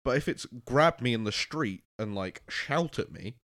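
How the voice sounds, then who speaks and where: A British man co-hosting a casual chat podcast, animated and ranting, often laughing and acting out what people said to him. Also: mid-range voice, normal speed. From Britain. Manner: animated, ranting, laughs a lot, acts out quotes. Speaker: podcast co-host.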